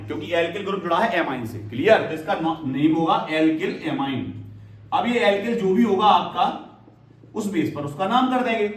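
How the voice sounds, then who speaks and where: High-voiced male teacher in an echoey room. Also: distant mic, a little hiss or hum. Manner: repeats key terms and checks understanding with "clear?"; addresses students fondly as "beta". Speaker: chemistry teacher. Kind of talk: classroom lecture. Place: classroom.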